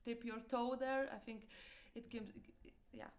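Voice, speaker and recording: Young Lithuanian-accented woman, non-native English, hesitant guest in an interview, voice on the higher side. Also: flat delivery, measured pace. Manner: hesitant, searching for words, many fillers. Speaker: entrepreneur guest. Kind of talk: interview answers.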